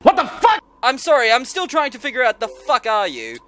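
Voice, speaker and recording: His pitch goes extremely high and swoops wildly, the delivery a little fast and sharp. Over game music, he streams a horror game with scared, jumpy, sarcastic remarks, swearing and exclaiming in casual let's-play fashion.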